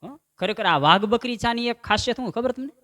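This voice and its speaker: A man's voice: very high voice, a little fast. A man telling folk comedy stories and acting out the quoted voices. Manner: animated joke-telling, acts out quoted voices. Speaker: stand-up comedian. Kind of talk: Gujarati folk comedy storytelling.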